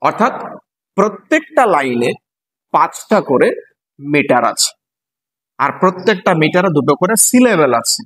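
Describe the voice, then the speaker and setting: A man's voice: fairly high pitch, sing-song, moderate pace, pauses often, fairly bright tone, rough recording. A male teacher from West Bengal with a Bengali accent, explaining a poem to students. He spells words letter by letter and asks the class questions.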